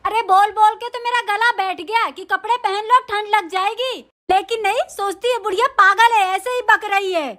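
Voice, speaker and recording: A woman's voice: very high-pitched, fairly even intonation, moderate pace, few pauses, bright, forceful tone. A woman playing a grumbling mother-in-law in a family skit, nagging and complaining.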